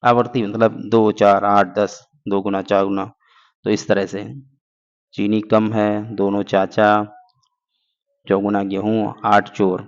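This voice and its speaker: Gravelly low-voiced male teacher. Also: flat delivery, slow, pauses often. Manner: explains step by step, asks and answers own questions. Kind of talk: exam-prep grammar lesson. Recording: dull lo-fi recording.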